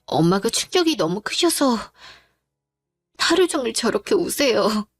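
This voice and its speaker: Woman voicing a grieving young adult daughter, tearful, firm, confrontational, slightly high voice. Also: sing-song, unhurried, no echo, clean studio sound, soft background music, full character voice. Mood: upset. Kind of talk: storytelling drama voice acting.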